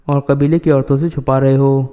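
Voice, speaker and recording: A man reading the lines of a defiant young woman questioning her brother, in a flat, even voice. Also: medium pitch, clear, resonant tone, close to an everyday voice.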